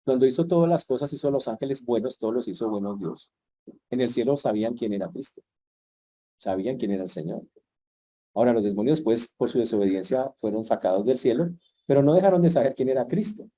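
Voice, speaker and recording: A man's voice: mid-range voice, expressive, fairly quick, warm tone. A man preaching a sermon in a conversational way, with playful asides. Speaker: pastor.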